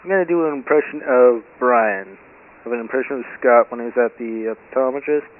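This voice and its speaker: A man's voice: medium pitch, brisk. A man leaving a rambling, offhand message for a show over the phone. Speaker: caller. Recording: tinny hissy phone line.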